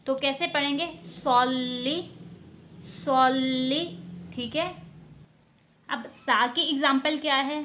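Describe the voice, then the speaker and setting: A woman's voice: a little high, a bit bright. A woman teaching Quran pronunciation, explaining patiently and stretching out letter sounds to model them. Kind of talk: online tajweed lesson.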